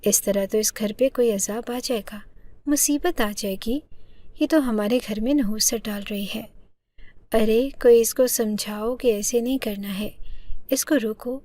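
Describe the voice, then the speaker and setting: A woman's voice: on the high side, dark tone, no echo, lightly acted. A woman voicing a harsh, scolding older mother-in-law in a storybook narration. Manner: taunting, scolding.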